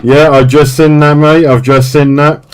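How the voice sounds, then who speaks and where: An English man runs a CB radio net, chatting casually in a matey, colloquial manner. His voice is a little high with little pitch movement, at normal speed. Loud radio static and hiss fill the recording, with constant sideband noise in the background.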